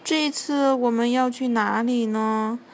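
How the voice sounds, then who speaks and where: A woman voicing a lonely little wolf cub who mumbles softly and sniffles in a storybook reading. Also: fairly high pitch, fairly even intonation. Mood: timid. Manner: mumbling, sniffling, slow and soft. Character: small sad lonely wolf cub, male.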